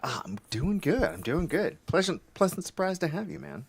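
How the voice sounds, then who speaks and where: A man's voice: a little high, big pitch swings, moderate pace, creaky, a little hiss or hum. A man who performs at an open mic, chatting casually between songs and rambling with many fillers and restarts. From Maryland area, USA.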